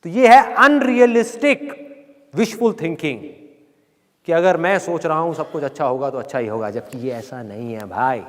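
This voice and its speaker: A man's voice: a little high, animated, normal speed. A middle-aged man giving a live motivational talk, chatting with and teasing his audience. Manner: conversational, teasing the audience, mock-scolding with acted quotes. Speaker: motivational speaker. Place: large hall with live audience. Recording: long hall reverb, faint crowd.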